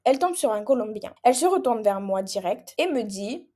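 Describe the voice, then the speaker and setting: A young woman from Mayotte, a language coach, speaking straight to the viewer in a persuasive pitch video. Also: animated, brisk, mellow. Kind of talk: direct-to-camera pitch video.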